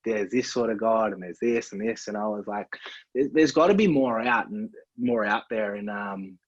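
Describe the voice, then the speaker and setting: Chatting casually on a podcast, an Australian man with a lowish voice talks at normal speed, dropping "man" and "like" a lot. There's no echo; the recording comes across as dull, lo-fi and dry.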